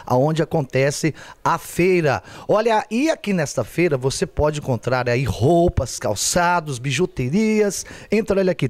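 A field reporter in his forties with a Brazilian Portuguese accent covers a large indoor charity bazaar hall for local TV news, holding a handheld mic. His voice is a little mellow and on the high side with no room sound, and he chats away, constantly pointing things out with "olha aqui" and "né".

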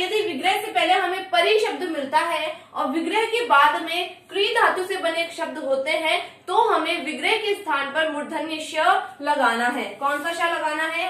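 A woman teaching an exam-prep grammar lesson in a high voice, stating each rule and then asking her own questions and answering them. She sounds far from the microphone, in a strongly echoing room. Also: sharp tone. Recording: echoey room, far from the mic.

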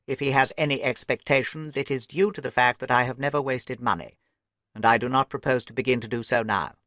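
A man voicing a miserly, irritable little old lord with a sharp, crackling voice and a blustering manner. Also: fairly even intonation, fairly quick, no echo, clean studio sound, lightly acted. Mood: shrill angry. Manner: blustering, shrill when angry.

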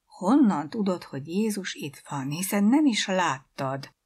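Brisk, firm-voiced woman cook, done by a woman narrator. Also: fairly low pitch, very animated, husky. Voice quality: raised, firm, louder than the narration.

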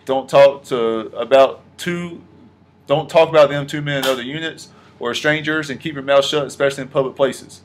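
A man teaching a class, his voice pitched in a middle range. He keeps putting questions to the students and repeating what they answer. A faint hum of room noise sits behind him. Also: moderate pace. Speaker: history teacher. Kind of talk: classroom lesson.

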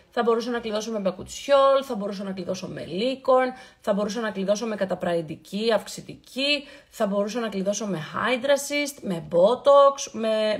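A woman hosting a casual live skincare stream. She talks in a chatty, affectionate way, greets viewers by name and playfully repeats words for emphasis. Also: mid-range voice. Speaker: beauty livestream host.

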